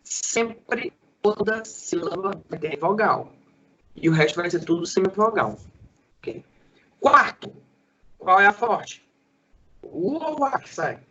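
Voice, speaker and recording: A male school teacher giving a Portuguese lesson, sounding out syllables slowly and quizzing a student. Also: sits high, big pitch swings, bright, forceful tone, highs cut off. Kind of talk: lively classroom lesson for sixth graders.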